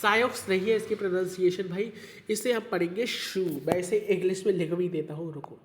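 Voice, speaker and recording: A man's voice: sits high, fairly quick, slight background noise. A man teaching an online class, mixing Hindi and English, repeating points and checking in with students often. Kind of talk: online class explaining a story.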